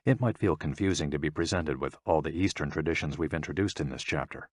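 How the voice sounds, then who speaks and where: Male audiobook narrator, deep voice, calm and measured, dry close sound. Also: no room sound. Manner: calm, measured reading of instructions and explanations.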